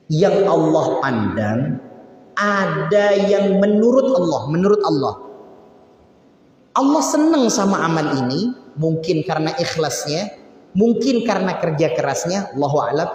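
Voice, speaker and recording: A man gives a conversational mosque sermon in a fairly high voice. He talks straight to the congregation and rises to forceful emphasis. The sound carries a long, heavy echo through a large hall. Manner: conversational, addresses listeners as Pak, rising to emphatic peaks. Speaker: preacher.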